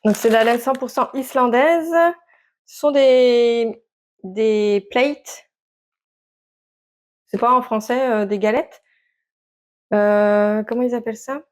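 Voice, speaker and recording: Hesitant woman, slightly high. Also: steady tone, slow, pauses often, darkish tone. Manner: hesitant, many fillers and restarts. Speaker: knitting vlogger. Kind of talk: casual show-and-tell chat to camera.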